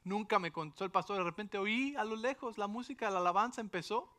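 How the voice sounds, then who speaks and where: Bright-voiced animated pastor. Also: male voice, high-pitched, fast. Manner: animated storytelling with frequent rhetorical asides. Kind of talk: sermon with personal story.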